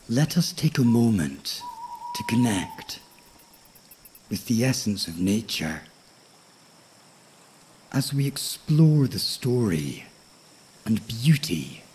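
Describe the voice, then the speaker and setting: A man with a husky, breathy voice narrating a bedtime story like a nature documentary, tranquil and measured, with frequent pauses. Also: medium pitch, a little mellow. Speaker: host of a sleep story podcast.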